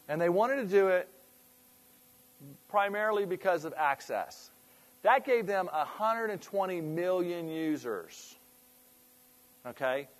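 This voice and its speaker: A man with a slightly raised pitch gives an informal business presentation to a live group. He talks conversationally, throws questions out to the audience and often trails off and restarts mid-sentence. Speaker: presenter at a fitness club industry meeting.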